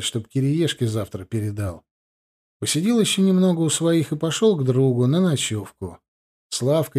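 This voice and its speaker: A man with a mellow, warm voice reads a novel aloud in a steady, measured way. His delivery is even-handed scripted audiobook narration. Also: mid-range voice. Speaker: audiobook reader.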